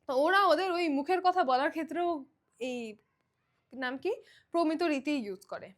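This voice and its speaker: High-voiced young woman teaching a grammar class. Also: normal speed. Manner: conversational, mixes in English words, checks in with "ঠিক আছে?". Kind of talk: online exam-prep lesson.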